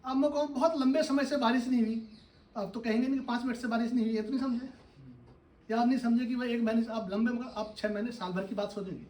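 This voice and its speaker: In an echoey lecture hall, a professor's voice reaches the mic from a distance as he explains ideas with everyday examples and often checks in with the audience. His voice is very high-pitched with a darkish tone.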